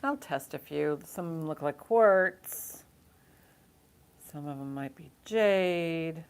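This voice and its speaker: Low, creaky-voiced woman auctioneer, unhurried. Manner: chatty, informal auctioneer. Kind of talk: casual live-sale auctioneering, counting down bids.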